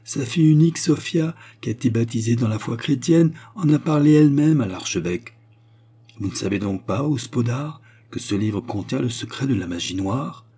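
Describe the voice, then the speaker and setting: Man voicing a chatty, earnest young peasant boy, dark husky tone. Warm but rough voice. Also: medium pitch, lively intonation, normal speed. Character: talkative good-natured young male Russian peasant.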